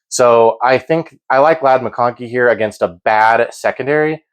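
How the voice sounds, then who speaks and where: Casual man talking sports bets. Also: medium pitch. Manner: informal, opinionated, conversational. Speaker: sports betting host. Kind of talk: casual sports betting commentary.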